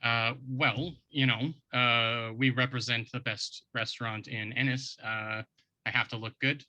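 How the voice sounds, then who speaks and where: A man voices a hobgoblin head chef for a tabletop game. The voice is very bright and forward at a middle male pitch, recorded dry. The chef is proud and guarded, measured and matter-of-fact. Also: fairly even intonation, no room sound, lo-fi sound. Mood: proud, polite.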